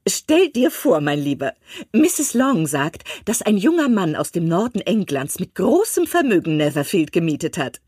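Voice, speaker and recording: A fussy, excitable mother pushes her husband in shrill, breathless bursts, as a woman reads her in an audiobook. Her voice leaps high and swoops widely, with a husky grain. The recording is dry and close. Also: normal speed, no room sound. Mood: excited, insistent. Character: fussy excitable middle-aged mother, matchmaking. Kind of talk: audiobook reading.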